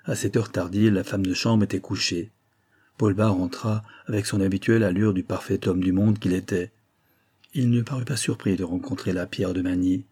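Homme grave lisant un roman policier. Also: male voice, sits low, fairly even intonation, mellow, slightly rough. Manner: measured storytelling, voices the characters. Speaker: audiobook narrator. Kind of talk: reading a detective novel aloud.

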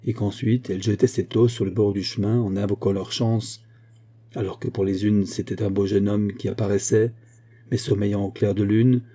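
A male narrator reading a literary story aloud at a measured, even pace. His voice sits fairly low and sounds very dark and mellow, with a husky edge. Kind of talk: audiobook narration.

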